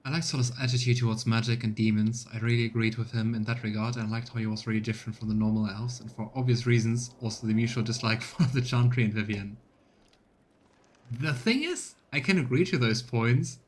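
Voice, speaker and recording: A man with a mid-range voice talks a little fast while streaming a game live, offering casual, musing let's-play commentary that often trails off mid-thought.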